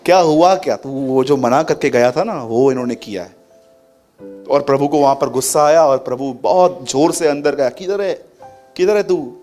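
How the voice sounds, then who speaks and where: A male pastor preaching an animated sermon, acting out quotes as he tells stories. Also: mid-range voice, normal speed. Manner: animated, acts out quotes and laughs. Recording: faint music behind.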